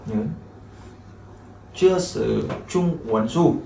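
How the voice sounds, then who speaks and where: A man's voice: fairly high pitch, animated, drawn-out words, gravelly, warm tone. A man, teaching a language lesson and explaining each phrase over and over with many fillers. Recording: echoey room, mic at a distance, faint noise.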